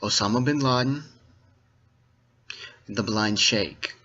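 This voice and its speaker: In a dull, lo-fi recording, a man with a lowish, sharp voice gives viewers an informal, teaching monologue. He speaks in deliberate, halting phrases with emphatic stresses and checks that his listeners are following.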